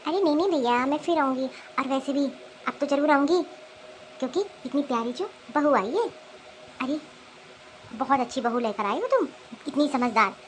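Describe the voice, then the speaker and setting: A woman voicing a cheerful, forgiving middle-aged aunt in an animated cartoon, talking warmly and reassuringly. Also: high-pitched, normal speed, pauses often, slight background noise, poor audio.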